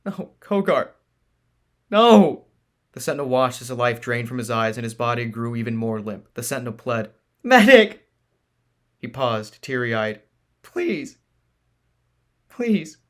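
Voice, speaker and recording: A man voicing a young male hero who pleads and cries over a dying friend, his voice high and strained. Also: flat delivery, brisk, few pauses, fairly bright tone, smooth, close to an everyday voice. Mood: anguished.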